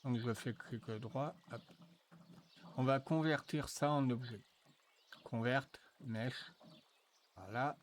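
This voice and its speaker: A man walking viewers through a software tutorial, thinking aloud with frequent fillers and restarts. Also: medium pitch, slight background noise. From France. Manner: slow, hesitant, thinking aloud with many fillers. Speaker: tutorial presenter. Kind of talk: screen-recorded software tutorial.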